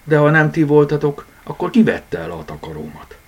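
Brief: a little storybook girl, sleepy yet bossy, high, husky and lively, as a man puts her on. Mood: indignant. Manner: high, breathy child voice.

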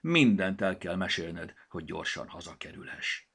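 A man with a gravelly, husky voice, voicing a lively, busy male gnome in a children's story, brisk and bossy. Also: deep voice, full character voice.

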